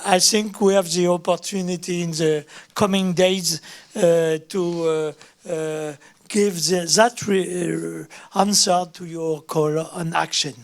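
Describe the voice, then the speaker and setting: Hesitant man, high slow voice. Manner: hesitant, many fillers, non-native English. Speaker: audience member, peace activist. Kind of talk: question from the floor. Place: conference hall.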